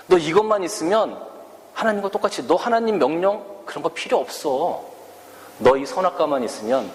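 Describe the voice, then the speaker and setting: A man's voice: on the high side, a little hiss or hum. A man voicing a sly, coaxing Satan. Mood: tempting. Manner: coaxing, whispery persuasion. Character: sly wheedling male Satan, tempter. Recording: echoey church hall, faint ambience.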